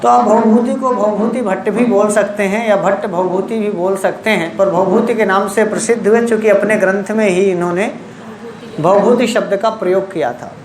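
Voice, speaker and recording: A woman giving an unhurried, explanatory lecture as a literature teacher, repeating key terms and asking rhetorical questions. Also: medium pitch, steady tone, a little mellow. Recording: echoey room with faint ambience.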